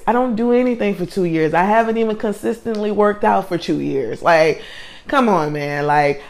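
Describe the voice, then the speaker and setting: A woman with a Southern US country accent, giving a casual, emphatic motivational talk as a life coach and podcast host. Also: medium pitch. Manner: chatty and emphatic, often says "man" and "like". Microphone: podcast or livestream mic.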